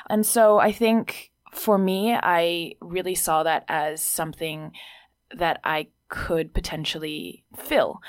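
Low-voiced young woman, reflective guest. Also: dry recording, clean studio sound. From Hong Kong. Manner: reflective, with many fillers. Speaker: guest, company founder. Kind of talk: casual interview talk. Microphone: phone or remote line.

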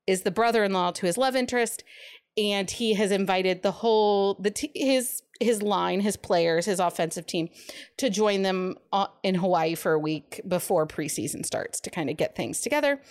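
A woman in a relaxed book chat with friends, speaking at an ordinary middle pitch. She gushes over her favorites with eager, wholehearted enthusiasm. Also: clean tone. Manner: gushing, enthusiastic book recommender. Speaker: podcast co-host pitching a book pick.

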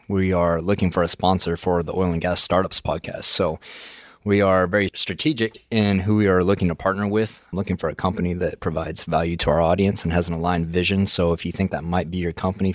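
Deep-voiced man co-hosting a podcast. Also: no echo, clean studio sound. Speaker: podcast co-host. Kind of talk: casual podcast chat.

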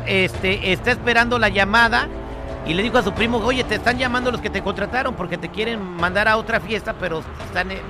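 High, hyped Mexican Spanish radio host. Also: male voice. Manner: upbeat, quick, hyped announcer. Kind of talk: morning radio banter.

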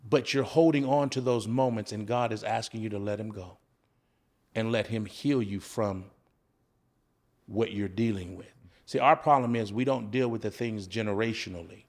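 A man's voice: on the low side, moderate pace, a little mellow. A man who is a former coach, talking as a podcast guest in an earnest, preacher-like way, often asking rhetorical questions. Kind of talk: conversational storytelling with preaching.

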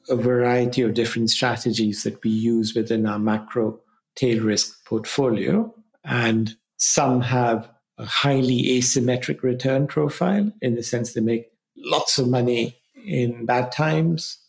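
A man's voice: medium pitch, a little slow, vocal fry. A man speaking as an expert guest, explaining in an interview style.

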